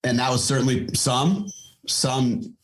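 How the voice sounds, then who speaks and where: A man's voice: medium pitch, animated, slow, noisy background. A middle-aged man, a guest on a podcast, talking casually and thoughtfully with lots of fillers and restarts. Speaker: podcast guest, fitness company founder. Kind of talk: casual interview talk.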